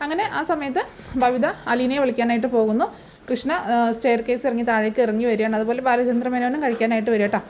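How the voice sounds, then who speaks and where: A woman's voice: a little high, steady tone, fast talker, a little mellow. A woman chattily retelling a TV serial episode, tagging each quote with colloquial asides. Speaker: serial review narrator.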